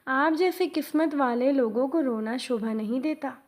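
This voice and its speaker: A woman's voice: sits high, moderate pace. A woman voicing a hungry, pleading little boy. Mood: earnest. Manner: soft, tearful pleading.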